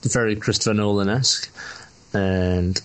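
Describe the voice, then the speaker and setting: Lowish voiced podcast guy rambling about movies, swears a lot, casual chat. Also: fairly even intonation, a little slow. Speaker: podcast co-host. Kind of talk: casual film review chat.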